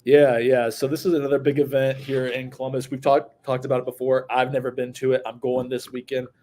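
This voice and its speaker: A man's voice: medium pitch, little pitch movement, fairly quick, warm tone. Chatty hiccuping man. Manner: chatty, repeats words when starting sentences. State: has the hiccups. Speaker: podcast co-host. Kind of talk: casual chat.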